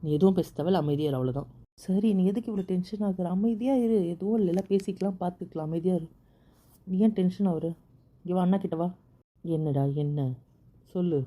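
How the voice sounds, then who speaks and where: A soothing older brother in an audio drama, voiced by a woman. The voice sits low and dark, and he talks in gentle, repeated pleas to calm down and sleep on it. He is the steady peacemaker caught between two angry people. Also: a little fast, close to an everyday voice. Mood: coaxing.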